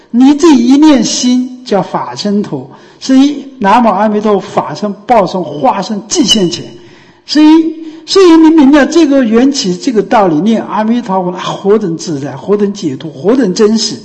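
Dharma-talk teacher, mid pitch, explains patiently with rhetorical questions, recorded with long hall reverb. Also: lively intonation, normal speed, a little mellow. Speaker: Buddhist teacher.

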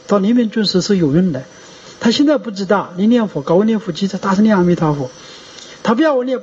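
A man's voice: sits high, husky. A man, a Buddhist monk, giving a sermon, telling stories and asking rhetorical questions. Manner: storytelling, animated, rhetorical questions. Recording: dull lo-fi recording.

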